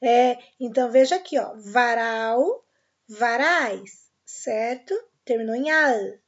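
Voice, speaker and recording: A woman's voice: fairly high pitch, slow pace, muffled recording. A woman teacher with a Brazilian Portuguese accent gives a recorded grammar lesson, explaining patiently and often checking that her class is following. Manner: patient, checks in with "tranquilo?" and "pessoal".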